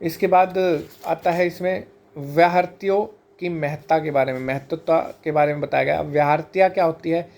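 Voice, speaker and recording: Man, fairly high voice, calm teacher explaining old scripture, lists terms slowly. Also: gravelly. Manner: measured and explanatory, slowing to spell out sacred terms one by one.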